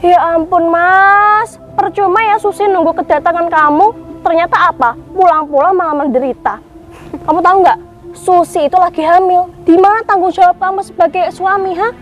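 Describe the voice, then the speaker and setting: A woman playing a sharp-tongued older sister who scolds her brother-in-law with open contempt. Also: extremely high pitch, steady tone, normal speed, soft background music. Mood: scolding. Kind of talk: amateur skit acting.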